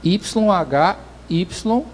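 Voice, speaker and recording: A man's voice: high voice, animated, very slow, a little hiss or hum. A man pastor, preaching a sermon in an explanatory way and often restarting his phrases.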